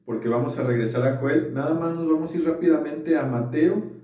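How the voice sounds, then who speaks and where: Pastor preaching, earnest, keeps checking in, big echoey room. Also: male voice, a little high, a little fast, dark tone. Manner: earnest, often asks for agreement. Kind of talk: sermon. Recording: echoey room, mic far off.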